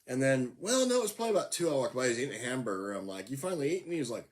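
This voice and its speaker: A man co-hosting a casual chat, easygoing and quick to laugh. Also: medium pitch, lively intonation. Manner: easygoing, brief backchannels, laughs at stories. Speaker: podcast co-host.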